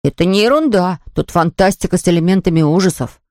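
A woman's voice: on the low side, fast talker, a little mellow, dry recording, clean studio sound, lightly acted. A woman voicing a timid young schoolboy who scares easily, in a whiny, defensive tone.

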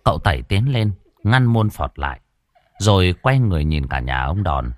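Male horror storyteller, low voice, animated delivery, earthy and colloquial, dry close read. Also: normal speed, dry recording. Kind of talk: dramatic horror story narration.

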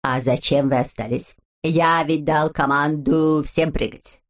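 Storybook know-it-all voiced by a woman: calm, dry, reasoning little boy, pitched lower. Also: unhurried.

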